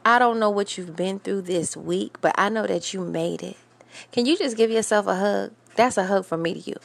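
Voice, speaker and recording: Gravelly-voiced, upbeat woman radio host. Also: medium pitch, normal speed, no echo. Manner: lively, playful, and prone to laughing.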